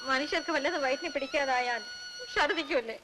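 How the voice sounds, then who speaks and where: A woman's voice: high voice, fairly quick, pushed and bright, poor audio. Timid pleading young woman. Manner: pleading, hesitant. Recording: film soundtrack with background music.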